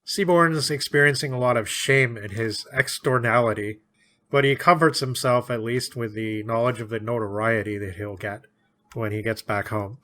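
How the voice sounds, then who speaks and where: A man's voice: medium pitch, bright, forceful tone. A man co-hosting a podcast, chatting casually about a book, laughing often. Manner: chatty, laughs often, puts on quick voices for characters. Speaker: podcast co-host.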